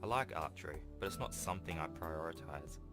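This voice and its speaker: Recorded at home with video game music playing, a young man does a casual let's-play, commenting and reading game text aloud as a YouTuber working through a playthrough. He has a very deep voice and speaks briskly and expressively.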